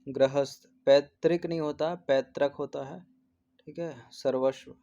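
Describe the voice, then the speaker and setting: Guy teaching spelling for an exam, flat monotone, warm dark voice, keeps repeating each word. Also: a little high, measured pace, vocal fry, highs cut off. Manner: mixes English numbers and terms into Hindi. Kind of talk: exam test-series answer walkthrough.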